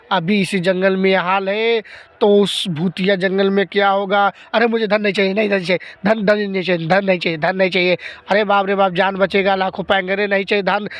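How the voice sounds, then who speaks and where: A man's voice: high voice, flat delivery, moderate pace, a bit bright, no room sound. A man voicing a greedy, cowardly villager who wails in panic as he flees. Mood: panicked. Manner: panicked wailing. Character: greedy cowardly male villager fleeing ghosts.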